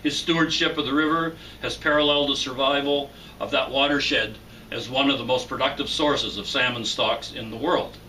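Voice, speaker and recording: Male interviewer, measured delivery, bright edge, distant mic with faint background noise. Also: mid-range voice, fairly even intonation. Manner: measured, reads a prepared introduction. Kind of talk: formal introduction then interview.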